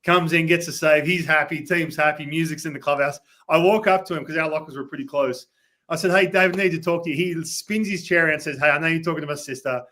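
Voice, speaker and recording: A man with an Australian accent, a podcast guest telling stories in a casual, animated way and acting out what people said. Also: a little high, fast. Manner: animated storyteller who acts out quoted dialogue. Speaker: guest, former baseball pitcher. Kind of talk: casual storytelling on a sports podcast.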